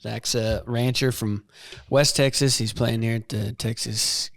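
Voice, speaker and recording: A man hosting a casual podcast interview in a saddle shop, easygoing and quick to laugh. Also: medium pitch, fairly even intonation, gravelly, no room sound, studio quality. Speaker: podcast host.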